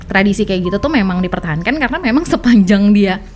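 A woman co-hosts a podcast in a conversational, explanatory way, sometimes searching for words. Her voice sits at a middle pitch, and faint noise runs behind it. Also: expressive, quick pace, a little mellow. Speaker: podcast co-host. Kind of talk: casual chat, retelling a listener's story. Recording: faint background noise and ambience.

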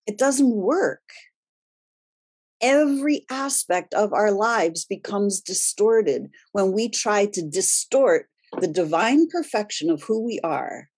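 A woman hosting a wellness show, giving a spiritual self-help talk in a deliberate manner with pauses for emphasis. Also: mid-range voice, a little mellow, breathy edge. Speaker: host of a wellness radio show.

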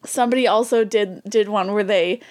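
A woman in her thirties co-hosting a podcast, telling stories in a lively way, laughing often and mimicking other people's voices. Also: mid-range voice, a little fast. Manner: animated storyteller, laughs often, imitates voices. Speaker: podcast co-host. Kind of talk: casual chat.

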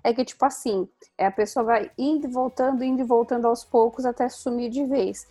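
A woman's voice: fairly high pitch, steady tone, fairly quick, dark tone. A woman in a casual group chat, rambling with lots of fillers and restarts.

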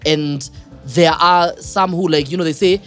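A man's voice: a little high, steady tone, unhurried, a bit bright, soft background music. A man hosting a podcast interview, chatty and teasing, often laughing. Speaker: podcast host. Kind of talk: casual interview chat.

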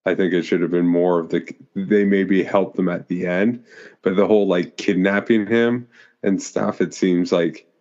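A man's voice: deep voice, steady tone, moderate pace, darkish tone, lo-fi sound. A man co-hosting a casual movie discussion, rambling with many fillers and restarts. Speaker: podcast co-host.

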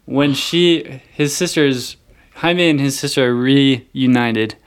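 Man, podcast co-host, casual chat, mock-quoting characters, mid-pitched voice. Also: slow pace, clear, resonant tone. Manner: recaps scenes with mock quotes. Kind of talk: casual movie review chat.

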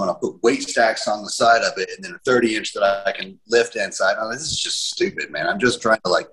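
Guy with a lowish voice just shooting the breeze, swears casually, loose and conversational. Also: a bit bright, rough recording. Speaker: home gym roundtable panelist. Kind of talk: casual chat among hobbyists.

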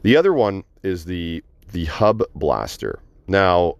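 Low-voiced man hosting a trade podcast. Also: very animated, slow, gravelly, no echo. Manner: stammering restarts, jokey asides. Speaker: podcast host. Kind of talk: casual chat.

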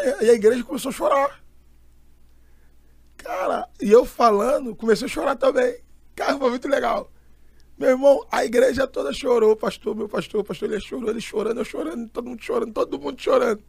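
Young Brazilian preacher, high gravelly voice, animated emphatic storyteller. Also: male voice, dry recording. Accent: Brazilian Portuguese. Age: young adult. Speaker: itinerant preacher and pastor. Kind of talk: casual storytelling chat.

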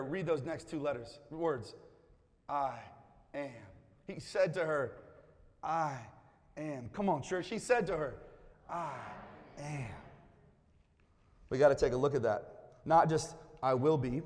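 A man preaching a sermon in a church, reading scripture aloud and calling on the congregation to answer back. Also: mid-range voice. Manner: lively, calls on the congregation to respond. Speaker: pastor. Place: church hall. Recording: long hall reverb.

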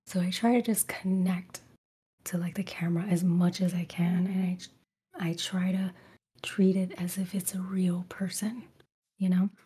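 Soft whispering woman, mellow and breathy. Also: fairly low pitch, flat delivery, normal speed. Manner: mostly whispering, with fillers like "like" and "you know". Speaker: ASMR video creator, interview guest. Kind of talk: casual interview answers.

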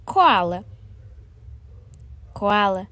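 A woman's voice: medium pitch, very animated, very slow, bright, forceful tone, full character voice. A woman playing a bossy, matter-of-fact girl who keeps the club in order, in a children's horror audio drama.

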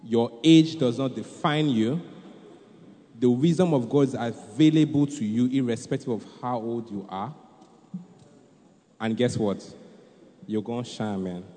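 This preacher, speaking with a Nigerian accent, has a medium-pitched, dark voice that runs a little slow with long pauses. Hosting a church youth event, he exhorts the audience and drives points home through repetition, his animated sermon carried by a reverberant PA in a large indoor hall.

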